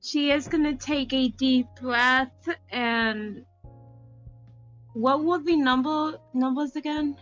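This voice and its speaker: A woman with a high, bright voice plays a tabletop game, talking very slowly and hesitantly. She sounds nervous, with faint music behind her. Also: dull audio. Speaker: player.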